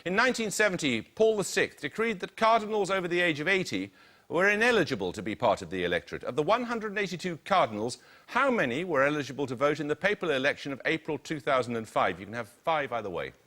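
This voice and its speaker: A man hosting a quiz show, reading out questions and team introductions with crisp precision. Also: fairly high pitch, big pitch swings, fast, pushed and bright.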